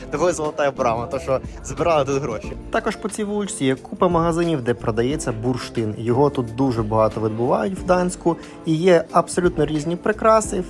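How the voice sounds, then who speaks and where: A man narrating a casual travel vlog in a chatty, conversational way with fillers. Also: a little high. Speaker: travel vlogger.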